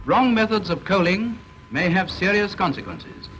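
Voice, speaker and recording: Narrating a training film from a script, a British man keeps a formal, measured, stern and instructive delivery. His voice sits high, very animated with a fairly bright tone, on a low-quality vintage soundtrack with faint hiss.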